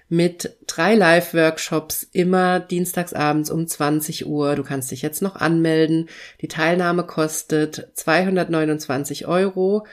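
A woman with a low, deep voice speaks alone on her podcast, addressing the listener directly. She sounds earnest and builds her sentences from stacked lists. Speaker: podcast host and coach. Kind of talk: scripted solo podcast monologue.

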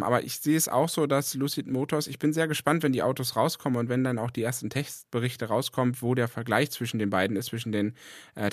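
A man's voice: mid-range voice, dry recording, clean studio sound. A man co-hosting a casual podcast chat, conversational and playfully teasing. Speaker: podcast co-host.

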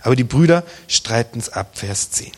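Husky man preaching emphatically. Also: medium pitch, expressive, normal speed. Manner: emphatic, rhetorical questions, swings between loud and hushed. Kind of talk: sermon.

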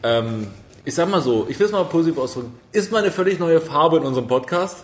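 A man's voice: on the high side, expressive, fast, a little hiss or hum. A man co-hosting a podcast, chatting casually with hesitant, joking remarks and many fillers. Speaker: podcast co-host. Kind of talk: casual chat. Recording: roomy echo with faint ambience.

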